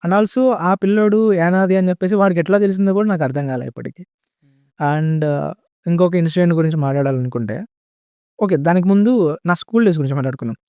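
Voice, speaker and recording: Young man, chatty podcast guest; quick, slightly high delivery, dry close mic. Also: warm tone, clean tone, no echo. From India. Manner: chatty, says "bro" often, mixes in English words. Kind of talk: casual podcast storytelling.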